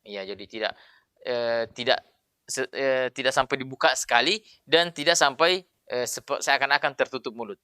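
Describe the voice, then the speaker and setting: A male Quran recitation teacher giving a patient tajwid lesson, explaining slowly and sounding out letter sounds to show how they are made. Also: medium pitch, bright, forceful tone, clean tone, no room sound, studio quality. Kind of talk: tajwid lesson with spoken demonstrations.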